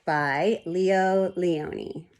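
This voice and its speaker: A woman with a fairly low, slightly mellow voice draws out her words while reading a children's book expressively. She explains the pictures in a teacherly way, and a little hiss or hum can be heard.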